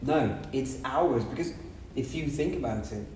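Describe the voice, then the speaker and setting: On a podcast, a Portuguese-speaking English teacher from Brazil makes his points emphatically through short, repeated phrases. His mid-range voice is expressive and darkish, moving a little slowly over slight background noise. The recording feels roomy, with a distant mic and music behind.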